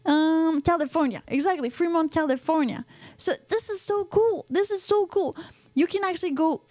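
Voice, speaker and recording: High-voiced Québécois woman podcast host. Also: normal speed, a little mellow, no echo. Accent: Québécois French. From Quebec, Canada. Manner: chatty, repeats words while reading comments. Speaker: podcast host reading live chat. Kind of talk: casual livestream chat.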